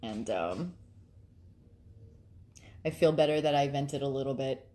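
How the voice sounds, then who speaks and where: A middle-aged woman with a rumbling low voice vlogs casually late at night. She starts out chatty and quick to laugh, then turns calm and reflective while giving her viewers advice.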